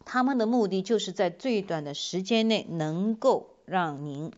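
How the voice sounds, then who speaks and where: A woman delivers a public safety announcement in a measured, instructive way, stressing key points firmly. Her voice sits at a medium pitch. The recording is muffled and lo-fi, with a limited band. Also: animated, darkish tone. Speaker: police multicultural community liaison officer.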